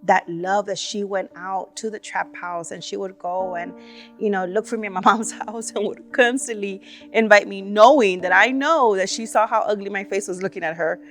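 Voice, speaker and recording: A woman's voice: mid-range voice, fairly even intonation, normal speed, fairly bright tone, faint music behind. A woman telling her personal faith testimony in an earnest storytelling way. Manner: earnest storytelling, frequent "you know". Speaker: testimony speaker.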